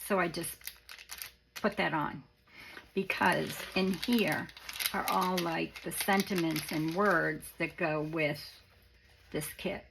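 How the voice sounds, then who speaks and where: Female craft vlogger: lowish, gravelly, raspy failing voice, informal and rambling, slight background noise. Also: fairly even intonation, slow, pauses often. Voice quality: raspy, worn voice. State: voice starting to go after illness. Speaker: craft video presenter. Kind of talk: casual show-and-tell of a handmade journal.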